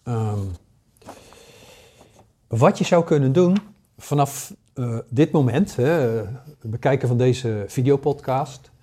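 A man in his sixties gives a casual spoken lesson. His voice is warm and mellow, and his talk is full of fillers, restarts and hesitations. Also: mid-range voice, takes it slowly, long pauses. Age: 60s. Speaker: paranormal course teacher.

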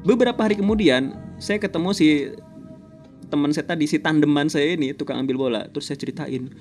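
A man, hosting a podcast and telling a personal story in a casual, animated way, chuckling often. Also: a little high, fairly quick, soft background music. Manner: animated, chuckles often, acts out quoted voices. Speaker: podcast host.

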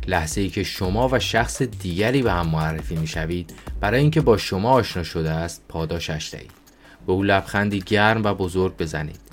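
A man with a very low voice reads an audiobook aloud. His delivery is calm and even, and soft music plays faintly behind him. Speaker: audiobook narrator. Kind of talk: audiobook narration.

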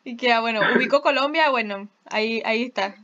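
A woman's voice: fairly high pitch, fast talker, fairly bright tone, a little hiss or hum. A woman interviewer asking casual questions and giving brief encouraging replies. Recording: dull lo-fi audio.

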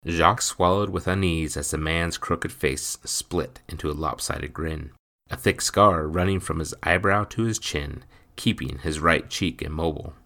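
Deep-voiced man narrating a story. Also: unhurried. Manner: expressive, dramatic reading.

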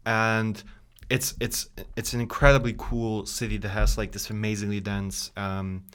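A man co-hosting a gaming podcast in relaxed chat, tired and rambling with plenty of fillers and restarts. His voice is smooth and resonant and sits a little low. He grew up in Bosnia and Herzegovina. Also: normal speed. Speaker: podcast co-host. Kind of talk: casual chat.

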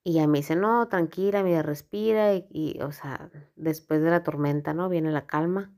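A woman's voice: deep voice, steady tone, moderate pace, dark tone. A woman telling a personal story in a casual, frank way, full of filler words. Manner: frank, rambling, heavy use of filler words.

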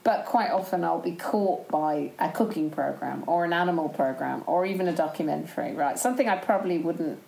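Woman, casual podcast chat, rambling, gravelly low voice, roomy echo. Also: brisk, few pauses, darkish tone, a little hiss or hum. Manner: rambling and chatty, laughing often. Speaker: podcast co-host.

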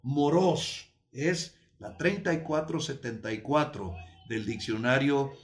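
A man preaching a sermon, teaching with emphasis and light humor, repeating key phrases and slowing down to stress them. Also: mid-range voice.

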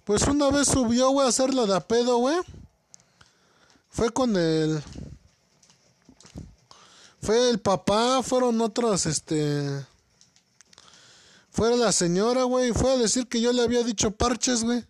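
Young mexican dude telling a story, high-pitched, lots of slang, dry close sound. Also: male voice, a little slow, pauses often, no echo. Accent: Mexican Spanish. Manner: slangy, laughing, peppers talk with "güey". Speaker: storyteller in casual chat. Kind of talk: casual chat.

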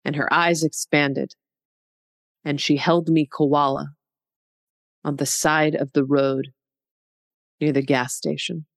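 Slow, tender woman podcast guest. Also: low-pitched, level tone, vocal fry, dry recording. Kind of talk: reading a poem, then casual chat.

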